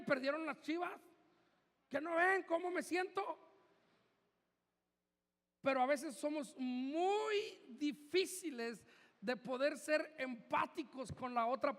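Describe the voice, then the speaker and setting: Man, Mexican Spanish accent, pastor's sermon, very high voice, slow unhurried delivery, long church reverb. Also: a bit bright. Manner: conversational, joking asides to the congregation. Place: church hall. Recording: reverberant hall.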